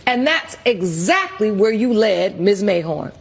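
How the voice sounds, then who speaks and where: A woman's voice: mid-range voice, very animated, unhurried. A woman presiding as a TV court judge, questioning and ruling in a blunt, scolding, commanding way.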